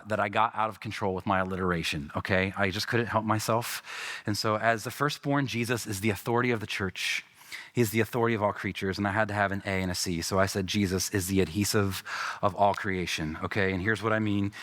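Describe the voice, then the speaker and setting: Male pastor, mid-pitched, emphatic sermon delivery with lively rises.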